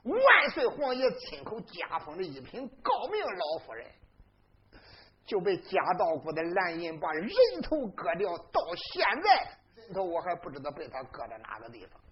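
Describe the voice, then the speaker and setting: A storyteller voicing a polite but sharp-tongued young male hero who argues in pointed questions. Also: high-pitched, sing-song, moderate pace. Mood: accusing. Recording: dull lo-fi recording.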